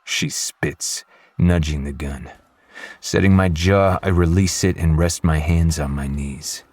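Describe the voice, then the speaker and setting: A man narrating a first-person audiobook with low, restrained menace. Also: steady tone, slow, darkish tone, breathy edge, no room sound.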